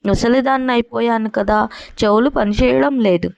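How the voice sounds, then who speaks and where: A scheming old cat, read out by a woman narrator, coaxing and pretending she can't hear. Her voice is gravelly with a touch of fry. The storybook recording sounds dry and a little dull. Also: on the high side, normal speed, darkish tone, no room sound. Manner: feigns deafness, coaxing. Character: sly old female cat, scheming judge.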